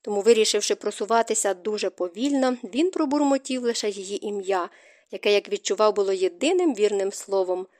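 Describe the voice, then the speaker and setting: A woman narrating an audiobook romance novel in an expressive, emotive reading. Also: mid-range voice, fairly quick.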